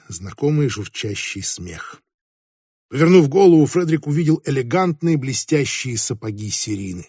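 Man narrating an audiobook, dark husky voice. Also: mid-range voice, no echo, studio quality.

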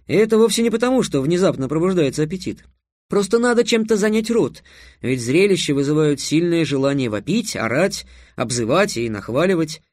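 A man reads a novel aloud in a steady, wry storytelling voice. His pitch sits a bit high for a man, and the sound is dry and close with no room echo. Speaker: audiobook narrator. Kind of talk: scripted narration.

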